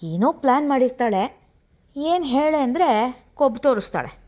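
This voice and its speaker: A woman's voice: medium pitch, moderate pace, darkish tone, close to an everyday voice. A woman voicing a scheming, spoiled young woman who talks sharply and demands money. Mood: demanding.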